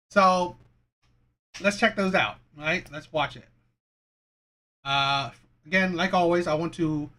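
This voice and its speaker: Hosting a video where he reacts to dating clips, this man has a high-pitched, somewhat bright voice. His commentary is casual and opinionated, rambling and repetitive, peppered with rhetorical questions.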